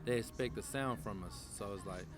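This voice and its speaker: Laid-back young Bay rapper. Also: male voice, fairly low pitch, a little fast, music in the background. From San Francisco Bay Area. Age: 20s. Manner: laid-back, loose slang, many fillers and restarts. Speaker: rapper guest. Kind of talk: casual interview chat.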